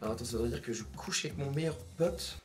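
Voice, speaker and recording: A young man co-hosting a casual, jokey chat, playful and quick to tease. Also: mid-range voice, soft background music. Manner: playful, jokey, breaks into song. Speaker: co-host.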